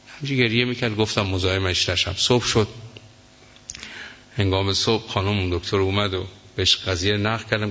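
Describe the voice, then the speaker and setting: A man's voice: lowish voice, gravelly, fairly bright tone. A man preaching a sermon, telling an emotional story and voicing the people in it. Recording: echoey hall, dull lo-fi sound.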